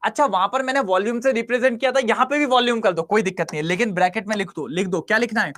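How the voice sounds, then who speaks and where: A man's voice: high-pitched, rapid-fire, a bit bright. A man teaching chemistry in an online class, constantly quizzing his students and coaxing them to answer.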